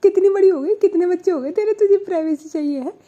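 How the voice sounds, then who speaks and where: A woman voicing a teasing middle-aged aunt who fires off loud, mocking, scolding questions. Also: very high-pitched, quick pace, muffled recording, voice pushed up.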